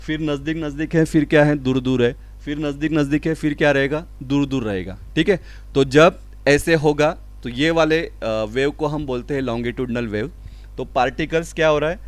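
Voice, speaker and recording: A man teaching school physics in a lecture, explaining step by step, asking and answering his own questions, and reading out definitions slowly. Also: on the high side, no echo. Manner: mixes Hindi with English terms, reads definitions slowly. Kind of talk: classroom lecture.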